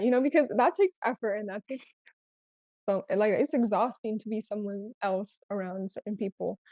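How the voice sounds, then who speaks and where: This woman's mid-range voice is mellow as she candidly and casually relates personal stories as a podcast guest. She owns a small business and spoke Spanish first. Her recording has an echoey, roomy quality and sounds slightly dull.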